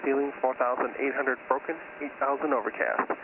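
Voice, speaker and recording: A man's voice in a recorded airport weather information broadcast, reading weather figures and runway information in a clipped, even way over aircraft radio. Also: mid-range voice, brisk. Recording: tinny radio transmission with loud static.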